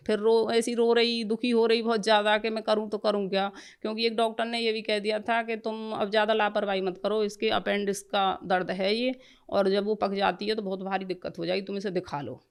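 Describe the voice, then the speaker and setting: A woman's voice: fairly high pitch, smooth. A woman giving an earnest, emotional personal testimony in plain colloquial speech.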